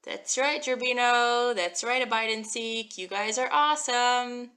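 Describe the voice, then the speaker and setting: A woman teaches a live-streamed Hebrew reading class. Her voice is bright and ringing, upbeat and encouraging, as she cheers on viewers by name and walks them through each letter. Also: a little high, unhurried. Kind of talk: live-streamed language lesson. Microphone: phone live stream.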